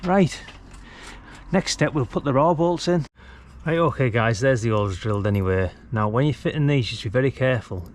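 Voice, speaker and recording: At a normal speed and in a mid-range voice, a British DIY vlogger and radio enthusiast gives a relaxed, colloquial tutorial as he works. The setting is outdoors beside a brick house wall, and the clear recording picks up ambient outdoor work sounds.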